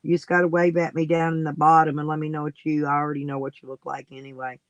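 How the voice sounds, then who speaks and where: High-voiced rambling man. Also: flat delivery, fast, clean tone, no room sound, dull audio. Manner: rambling, folksy, coaxing viewers to join. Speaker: livestream host. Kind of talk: casual livestream chat.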